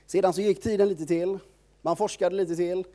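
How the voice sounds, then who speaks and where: A male preacher retells scripture in a relaxed, chatty way, with filler words dotting his sentences. His voice is somewhat high for a man but dark and mellow in tone. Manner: conversational storytelling, constant filler words. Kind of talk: informal sermon retelling a Bible story.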